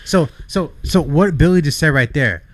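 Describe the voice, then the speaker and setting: A twenty-nine-year-old man co-hosting a podcast, excitable, repeating himself and stumbling over words. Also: a little high, normal speed. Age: 20s. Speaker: podcast co-host. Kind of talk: casual podcast banter.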